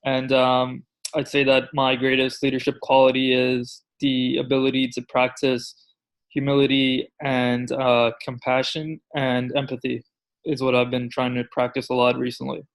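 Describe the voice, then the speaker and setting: A man's voice: medium pitch, little pitch movement, normal speed, poor audio. A male guest giving an easygoing, thoughtful self-introduction at an online meeting. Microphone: video call.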